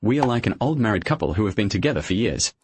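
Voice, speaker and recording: A man's voice: lowish voice, sing-song, fast talker, noisy background. A man dubbing a reserved, devoted husband in a period drama, with an understated, earnest manner. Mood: calm. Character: reserved, devoted husband, a ledger-keeping manager. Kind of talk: English dub of a period drama.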